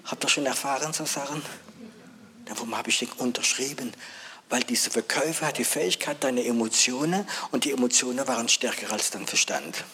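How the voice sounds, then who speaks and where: Preacher swinging from hush to urgent calls. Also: male voice, medium pitch, fairly quick, husky. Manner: swings between hushed near-whispers and loud urgent calls; asks the audience questions. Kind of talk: sermon.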